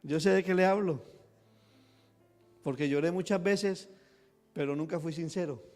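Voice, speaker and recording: A man preaching a sermon as a pastor, with sudden loud bursts of emphasis and quick acted asides. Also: on the high side, big-room sound. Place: church hall.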